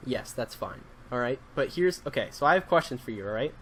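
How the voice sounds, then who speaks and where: In a casual Minecraft let's-play, a young host roleplays a detective who is bossy and fed up, filling his lines with ums and uhs. His mid-range voice is animated, a bit bright and a little fast, over a slight hiss or hum.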